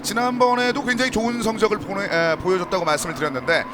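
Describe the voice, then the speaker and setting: A man gives live motorsport commentary in a very high-pitched voice. He talks quickly and urgently, calling positions as they change. Loud car and track noise runs behind him. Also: fairly even intonation. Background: cars and outdoor ambience.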